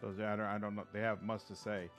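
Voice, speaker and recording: A man's voice: lowish voice, flat delivery, fast, soft background music. A man streaming a video game, giving casual live commentary, thinking aloud and often trailing off.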